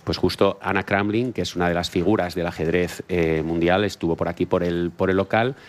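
A man's voice: sits low, fairly even intonation, brisk. A man who is a marketing director, answering interview questions in an upbeat, promotional way.

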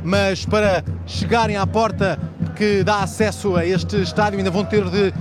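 Brief: high-pitched Portuguese man, quick radio reporter outdoors, music behind. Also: steady tone. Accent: European Portuguese. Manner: brisk, rapid-fire questioning. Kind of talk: live field reporting. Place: outdoors at a fan march by a stadium. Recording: fan chants and drums behind.

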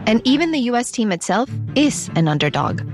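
A woman's voice: fairly high pitch, big pitch swings, brisk. A woman hosting and narrating a scripted piece in a conversational way, with personal asides. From United States. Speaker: host and narrator. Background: music bed.

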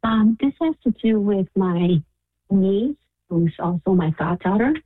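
A woman's voice: medium pitch, expressive, measured pace. A middle-aged woman calling in over a speakerphone or Bluetooth line that is hard to hear, talking hesitantly with many fillers. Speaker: caller to a radio show. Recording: thin phone line, dry.

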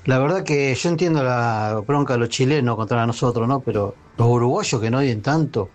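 A man's voice: medium pitch, a little fast. A man calling into a sports radio show, chatty and complaining. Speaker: caller.

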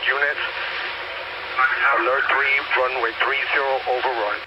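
Guy on air traffic control radio, urgent clipped orders, muffled lo-fi sound with loud clicks and static. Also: mid-range voice, steady tone, a little slow. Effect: air traffic control radio transmission.

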